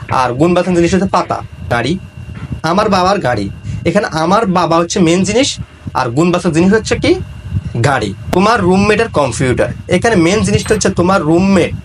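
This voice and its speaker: A man teaching English grammar as a lesson, slowly repeating each example word by word. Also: high voice, slight background noise. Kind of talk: explaining grammar.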